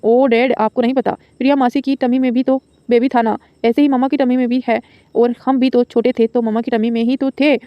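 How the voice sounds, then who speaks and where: A woman voicing a cute, eager little girl who speaks slowly and pleads like a child, in a storybook reading. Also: fairly high pitch, level tone, clean tone, no room sound, dull audio, natural voice. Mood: pleading.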